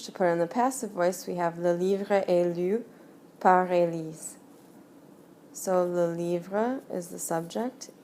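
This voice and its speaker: Slow, deliberate woman teacher. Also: lowish voice, warm tone, slight background noise. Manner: slow, deliberate explaining while writing. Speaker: French teacher. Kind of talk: screencast grammar lesson.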